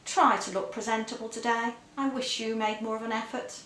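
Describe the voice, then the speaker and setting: A woman's voice: fairly high pitch, fairly even intonation, fairly quick, a bit bright, slight background noise, lightly acted. A woman voicing a staid, portly, bossy husband who nags in a pompous tone, in an echoey room. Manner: pompous, nagging.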